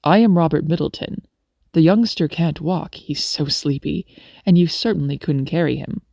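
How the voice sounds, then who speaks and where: A woman voicing a polite, cheerful young male doctor in a storybook, speaking in a lowered, courtly, teasing way. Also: normal speed, gravelly, dark tone, dry recording, clean studio sound. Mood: genial.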